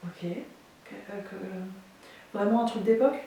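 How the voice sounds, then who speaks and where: A woman's voice: medium pitch, slow, warm tone. A woman leading a paranormal session in French-style casual talk, putting probing questions to those around her. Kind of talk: casual spoken questioning during a spirit session. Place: echoey indoor room in an old house. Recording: distant, very echoey, hissy.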